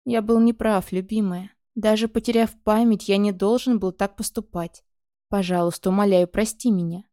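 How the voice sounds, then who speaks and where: A woman voicing a gentle, coaxing adult male dragon husband who speaks softly and tenderly, in a storybook reading. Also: mid-range voice, fairly even intonation, normal speed, no room sound, clean studio sound, lightly acted. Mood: pleading. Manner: soft, pleading, tender.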